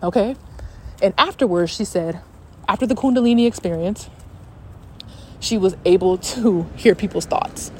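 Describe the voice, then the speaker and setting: A woman's voice: mid-range voice, normal speed, pauses often, mellow. A woman podcast host telling a personal story in a casual monologue, outdoors in the wind, candid and swearing freely. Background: wind noise.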